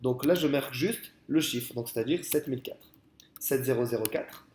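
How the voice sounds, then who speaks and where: A man talking through a software tutorial in a casual, explanatory way, with many fillers and restarts, speaking into a headset. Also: mid-range voice, moderate pace, reverberant. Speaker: software trainer. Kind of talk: screen-recorded software tutorial.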